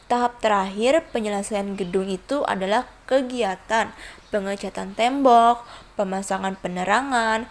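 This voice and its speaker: A young woman talks through a grammar lesson in a steady reading voice. Her pitch sits in a middle range, and small hesitations break up the flow now and then. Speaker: student presenter.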